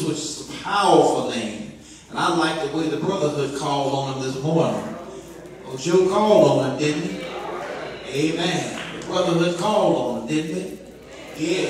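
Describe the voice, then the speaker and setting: Casting note: pastor, fairly high voice, measured pace, heard from a distance in a big echoey sanctuary. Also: male voice, slight background noise. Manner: rising to fervent, rhythmic preaching with repeated phrases; slow, measured delivery. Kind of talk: sermon. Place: church sanctuary. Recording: echoey church hall from far off.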